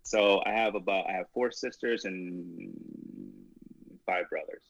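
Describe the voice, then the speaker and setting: A man from Jamaica talks easily as a podcast guest and laughs between answers. His voice is very low. The audio is a little dull and dry. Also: steady tone, measured pace, dry recording. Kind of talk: casual podcast interview.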